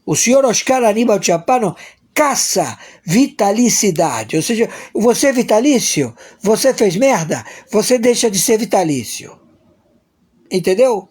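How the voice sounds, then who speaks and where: A man's voice: sits high, animated, unhurried, darkish tone, husky. A man giving a crude, profane political rant in an emphatic, repetitive way, acting out imagined dialogues.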